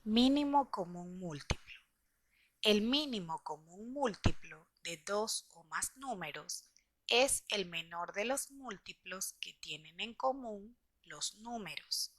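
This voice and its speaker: Slow, measured woman teacher. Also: mid-range voice, expressive, slight background noise. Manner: slow, deliberate explaining to children. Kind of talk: scripted classroom lesson.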